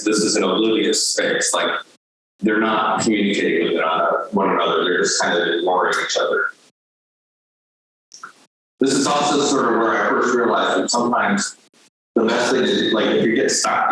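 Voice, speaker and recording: A man's voice: fairly low pitch, a bit bright, slight background noise. A man from Vermont giving a casual lecture about his painting, talking loosely with many "like" and "um" fillers. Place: lecture hall. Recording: very echoey hall, heard from far off.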